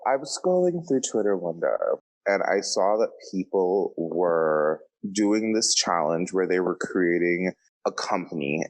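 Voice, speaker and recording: Here a male podcast co-host trades casual, opinionated pop culture talk, his slangy remarks blunt and sassy. The voice sits low, and the audio quality is poor.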